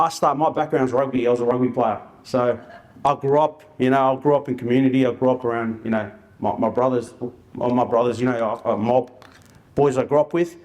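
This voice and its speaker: A man gives an informal presentation as an outreach worker, sharing job experiences as stories in colloquial, slangy language and re-enacting dialogue. His voice is medium-pitched and a little mellow.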